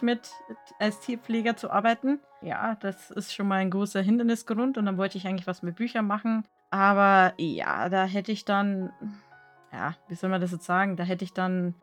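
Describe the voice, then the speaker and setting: A woman from Bavaria with a light Bavarian accent, co-hosting a casual podcast chat and poking fun at herself. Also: mid-range voice. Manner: self-mocking, laughs at herself. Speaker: podcast co-host.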